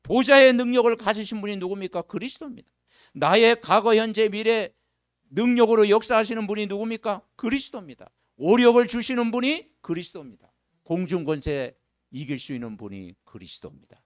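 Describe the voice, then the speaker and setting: Man preaching in church, bouncy pitch, dry close sound, slows way down for the bible bits. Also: animated, no echo. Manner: emphatic call-and-response preaching with rhetorical questions; slow, declaiming scripture reading. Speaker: pastor. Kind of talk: sermon.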